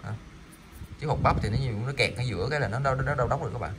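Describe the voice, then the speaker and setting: A man's voice: medium pitch, racing, heavy background noise. A man selling salvaged electronic parts online, chatting casually while demonstrating them, rambling with frequent fillers and repeated words. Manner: rambling, stammering, lots of fillers.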